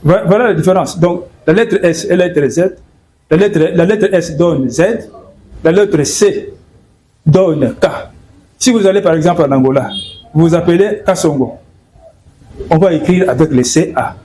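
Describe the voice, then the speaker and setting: Hesitant man explaining, mellow voice. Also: on the high side, moderate pace, slight background noise. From Democratic Republic of the Congo. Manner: hesitant, repeats words and fillers. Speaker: guest. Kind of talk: explanatory interview talk.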